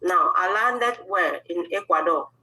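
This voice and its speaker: A middle-aged woman from Cameroon tells her story over a video call in an earnest, measured way. Her voice sits fairly low yet sounds bright and forceful. She lets pauses carry the weight of each step. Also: rough recording. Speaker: guest speaker. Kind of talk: personal testimony on a video call.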